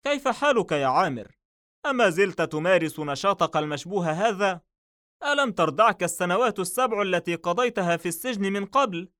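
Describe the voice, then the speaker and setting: A man reading an audiobook novel, voicing a calm, confident male police detective in a raised voice. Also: a little fast. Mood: commanding. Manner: calm and assured, slightly raised pitch.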